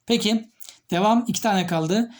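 A man's voice: high voice, moderate pace. Man teaching, repeating key terms. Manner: explains step by step, repeats key terms while writing; addresses students directly with questions. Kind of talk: literature lesson.

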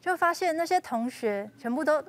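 High-voiced woman talk-show host. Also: animated, normal speed, noisy background. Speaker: stand-in host. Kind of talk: casual chat on a talk show.

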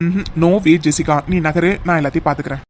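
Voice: medium pitch, steady tone, quick pace, very noisy, close to an everyday voice. A performer voicing a scheming, spiteful young woman rival in a cartoon serial, plotting sabotage. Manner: sly, plotting.

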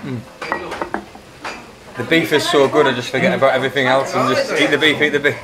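A man's voice: medium pitch, fairly even intonation, brisk. A man chatting casually over dinner as a visiting tourist, laughing often and describing the food as he eats it. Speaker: foreign tourist guest. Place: busy restaurant. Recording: loud crowd noise in a restaurant. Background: loud restaurant crowd chatter.

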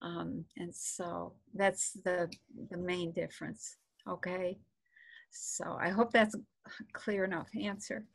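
A woman explains an idea slowly and thoughtfully, pausing often to search for words. Her voice is worn and hoarse, and she clears her throat now and then. She sounds like a teacher talking casually on an online call. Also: on the low side, fairly even intonation. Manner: halting, searching for words with many fillers. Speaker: teacher answering participants' questions.

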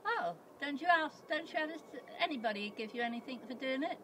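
A high-voiced elderly woman talks casually at her doorstep. She is halting and unsure as she goes. The phone recording has light ambient noise from outside. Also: expressive, fairly bright tone. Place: outdoors at a house doorstep. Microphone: handheld phone held by the other person. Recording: noisy handheld phone recording outdoors.

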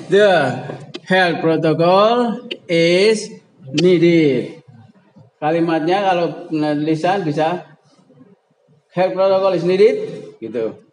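Male teacher, slightly high voice, unhurried drilling of example sentences. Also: darkish tone, poor audio. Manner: slow, drawn-out example sentences with prompting calls. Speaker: English teacher. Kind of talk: classroom grammar lesson.

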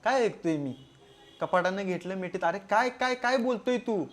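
A man's voice: sits high, lively intonation, moderate pace. A man with a Marathi accent delivering a crude, scolding comedy roast commentary.

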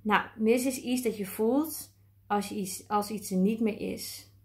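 A woman voicing a calm, sensible male ant in a storybook, who speaks patiently and matter-of-factly. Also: medium pitch, unhurried, natural voice.

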